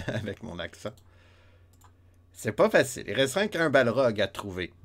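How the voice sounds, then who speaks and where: During a live let's play of a retro game, a Québécois French-accented man talks with viewers in a lowish, sing-song voice at a moderate pace, muttering his step counts as he goes.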